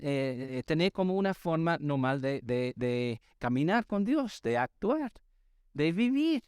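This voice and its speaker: A man's voice: a little high, a little mellow, clear, resonant tone, dry recording, studio quality. A male pastor preaching a sermon to a live congregation, emphatic and repeatedly asking the audience to respond. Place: church service with live congregation.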